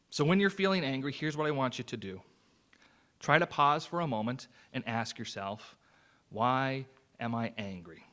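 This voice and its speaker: A man's voice: mid-range voice, a bit bright. A man preaching a sermon as associate pastor, in an earnest, conversational way with personal stories.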